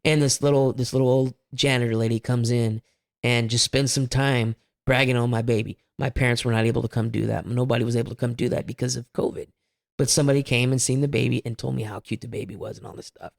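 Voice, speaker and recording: A man's voice: mid-range voice, steady tone, fast talker, creaky, dry recording, studio quality. A man telling his family's story as a guest, candid and rambling, with a few self-aware laughs. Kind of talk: casual personal storytelling.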